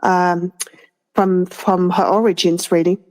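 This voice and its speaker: A woman from France in her thirties co-hosts a casual chat. She talks slowly and unhurriedly, pausing often and restarting her thoughts, with plenty of fillers along the way. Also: fairly low pitch, little pitch movement, darkish tone. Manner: hesitant, many fillers and restarts. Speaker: podcast co-host.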